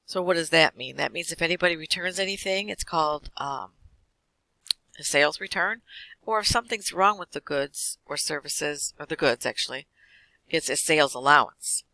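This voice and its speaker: A man teaching an accounting class, walking through lecture slides quickly with casual fillers. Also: fairly high pitch, creaky, pushed and bright, no room sound, poor audio. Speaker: accounting instructor.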